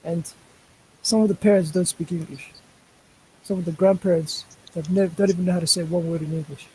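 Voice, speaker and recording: A man's voice: high voice, steady tone, fairly quick, dark tone, husky, rough recording. A man speaking as a guest on a casual online panel, stumbling over his starts and repeating words before making his point firmly. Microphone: voice call over a live stream.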